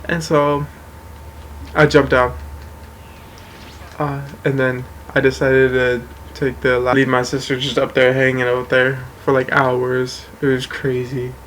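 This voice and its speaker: Gaming host, male, middle pitch, loose rambling storyteller who swears freely, faint room noise behind. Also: little pitch movement, a little slow, fairly bright tone, low-quality recording. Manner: rambling, profane, keeps saying "and whatnot". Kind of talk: casual storytelling over gameplay.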